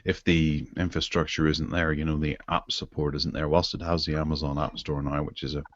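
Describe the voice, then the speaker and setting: A man with a very low, deep voice hosts a laid-back tech podcast. He talks over a video call, so the sound is dry and a little dull. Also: fairly quick, no room sound. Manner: relaxed, chatty, leads the segments. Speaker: podcast host. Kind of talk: casual tech chat. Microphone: online video call.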